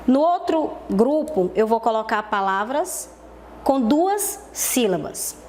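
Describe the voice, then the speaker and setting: Brazilian woman, primary teacher, tv lesson for kids, drawn-out syllables, slightly high voice, faint hiss behind. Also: very animated, a little mellow. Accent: Brazilian Portuguese. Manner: slow, stretched-out syllables, repeating key words for young pupils. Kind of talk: televised classroom lesson for children.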